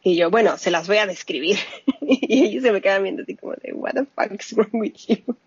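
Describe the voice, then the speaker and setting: Muffled, lo-fi and dry, the recording captures a brisk, mid-range female voice with a breathy edge. The speaker, a scientist and mother with Spanish as her first language, animatedly recounts stories in a casual interview, often quoting herself.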